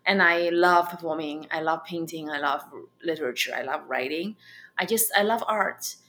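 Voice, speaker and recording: Her voice sits low with a sharp tone as this young adult comedian from China shares her story in an interview. She speaks with a Chinese accent, stopping and restarting with plenty of fillers.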